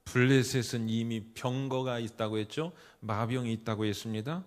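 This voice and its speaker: A middle-aged man preaching a sermon in a church, emphatic, putting rhetorical questions to the congregation and swinging between loud exclamations and quiet asides. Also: mid-range voice, normal speed. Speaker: pastor. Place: church sanctuary.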